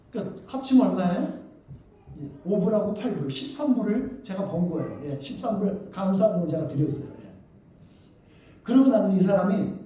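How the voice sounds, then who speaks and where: A man's voice: high-pitched, mellow. A man in his fifties, a pastor telling a personal story in a sermon, acting out the lines of the people in it. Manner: storytelling, quoting others in dialogue. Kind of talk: sermon testimony. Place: church hall. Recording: very echoey hall, distant mic, faint hiss.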